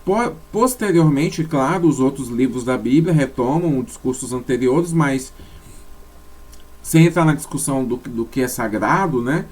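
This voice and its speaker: A man's voice: mid-range voice, expressive, measured pace, a little mellow. A man giving a lecture over slides, explaining step by step with frequent tag questions and self-corrections. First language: Portuguese. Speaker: teacher.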